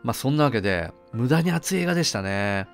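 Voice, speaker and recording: A man's voice: mid-range voice, expressive, fairly quick, vocal fry, soft background music. A middle-aged man giving a casual solo film review, chatty and full of conversational asides.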